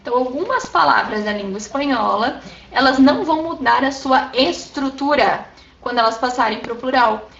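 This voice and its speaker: A woman's voice: high voice, lively intonation, normal speed, gravelly, fairly bright tone, slight background noise. A Brazilian woman teaching a Spanish class, explaining patiently and often checking in with her students. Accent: Brazilian Portuguese. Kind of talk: recorded class lesson. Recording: echoey room, dull lo-fi sound.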